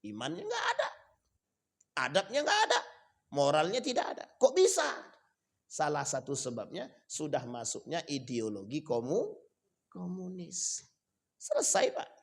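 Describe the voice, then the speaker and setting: A man preaching a sermon, asking rhetorical questions and speaking straight to his listeners, swinging from loud emphatic rises to low quiet drops. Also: huge pitch swings, measured pace, vocal fry, long pauses.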